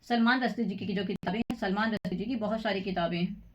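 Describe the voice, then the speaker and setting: A woman's voice: medium pitch, fairly even intonation, fast, slight background noise. A woman from Madhya Pradesh runs a live quiz class, voice set in the middle of the usual range. She repeats each answer several times and coaxes her viewers to reply. She speaks without her own microphone, straight into her device. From Madhya Pradesh, India. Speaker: quiz teacher for exam prep. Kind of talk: live-streamed quiz class with chat greetings. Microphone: device mic after removing her own microphone.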